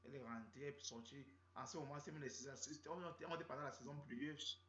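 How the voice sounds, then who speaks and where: A man's voice: mid-range voice, fast, fairly bright tone, a little hiss or hum. A man with a Cameroonian French accent telling a comic story in a rambling, slangy, repetitive way. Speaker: comedian storyteller. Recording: roomy, dull lo-fi sound.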